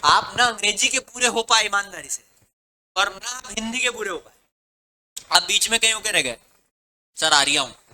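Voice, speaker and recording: A man's voice: sits high, moderate pace, long pauses, sharp tone, rough recording. A male commerce teacher from Rajasthan, lecturing a classroom of students and firing repeated questions at them while mixing Hindi and English. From Rajasthan, India.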